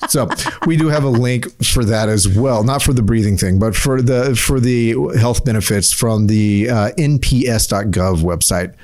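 A middle-aged man co-hosting a casual podcast chat, halting and repeating words as he thinks. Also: fairly low pitch, a little mellow. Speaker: podcast co-host.

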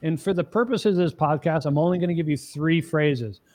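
Earnest middle-aged man, higher voice. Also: brisk, darkish tone. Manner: earnest, explains step by step; emphatic, often asks the listener "okay?". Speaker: marriage coach guest. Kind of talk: podcast interview.

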